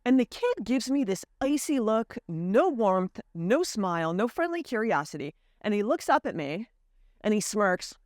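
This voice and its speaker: Speaking at a measured pace in a mid-range voice, an American woman vlogger shares a personal story to camera. The recording is dry with clean studio sound, and her manner is earnest and candid with lively emphasis.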